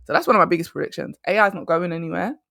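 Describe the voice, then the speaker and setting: Woman in her thirties, motivational podcast host, emphatic and repetitive, gravelly voice, dry close sound. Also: on the low side, rapid-fire, a bit bright, no room sound. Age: 30s. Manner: emphatic, repeats key phrases, casual asides. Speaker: career coach and podcast host.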